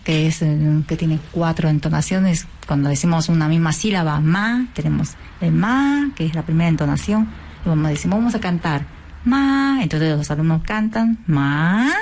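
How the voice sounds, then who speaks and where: This woman's voice is low and mellow, and she talks fairly quickly. Heading a cultural association, she uses her Argentine Spanish accent to explain lessons patiently on the radio, teacher-style, singing out tones as examples.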